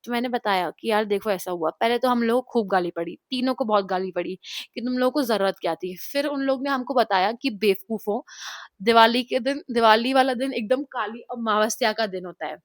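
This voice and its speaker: A young woman chats straight to her camera in an animated, casual storytelling style, slipping English words into her sentences. Her voice sits a little high. The sound is dry and close, with no room echo. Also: brisk. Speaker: vlogger. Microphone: clip-on mic, later camera mic after battery died.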